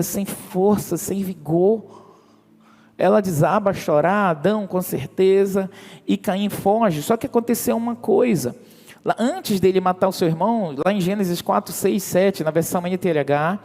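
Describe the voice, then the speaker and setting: Brief: male pastor, high and emphatic, working the crowd, long church reverb around him. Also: dark tone. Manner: emphatic, calls on the congregation to respond. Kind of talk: sermon.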